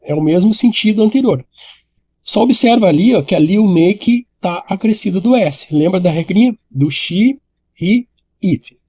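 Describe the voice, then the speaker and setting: A man gives an online English lesson. His voice sits high but sounds soft and mellow, with no edge to it. He explains patiently, repeating each point and addressing the viewer directly. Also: animated, moderate pace. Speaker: English teacher.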